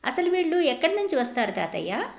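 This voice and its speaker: A woman reader voices an innocent little girl in a storybook, curious and unshaken, her questions lifted high in pitch and sing-song. The voice rings a little in an echoey room. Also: big pitch swings, fast, creaky, heavily acted. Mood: innocent questioning.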